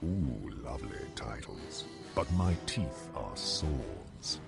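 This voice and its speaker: Smaug, a deep, slow, menacing dragon. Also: male voice, sing-song, gravelly, full character voice. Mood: sly, boastful. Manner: slow, theatrical, taunting. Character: huge menacing dragon guarding treasure, sly and wrathful. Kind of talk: video game villain acting. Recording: loud music over the voice.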